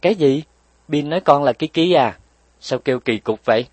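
A man's voice: fairly low pitch, animated, moderate pace, no echo. Man voicing a patient, firm mother. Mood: stern. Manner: gentle scolding, patient explaining. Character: tender but firm mother, middle-aged woman.

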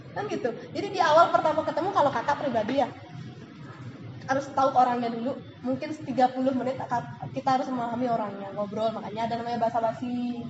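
Female sales team leader, high and animated, echoey lo-fi room with noise behind. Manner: lively, animated, acts out examples. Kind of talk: motivational sales talk. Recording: echoey room, dull lo-fi, noisy.

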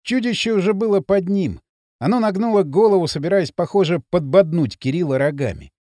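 A man narrating an audiobook with an expressive, dramatic reading. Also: high-pitched, fairly quick, no room sound, studio quality. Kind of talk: scripted narration.

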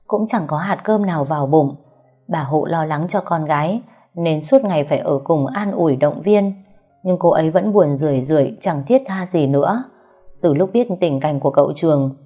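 Mellow, low-voiced woman narrating a story.

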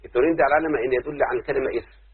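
A man's voice: mid-range voice, fairly even intonation, very fast, breathy edge, no room sound. A man with an Egyptian accent teaching Arabic grammar to a class and often stopping to ask whether they understood. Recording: dry, tinny phone-like audio.

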